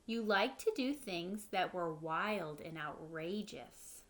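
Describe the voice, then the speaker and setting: Reading slowly and expressively, a woman in her thirties uses a lowish, fairly bright voice. Indoors in her living room, she plays teacher with a picture book, pausing for short explanations aimed at kids.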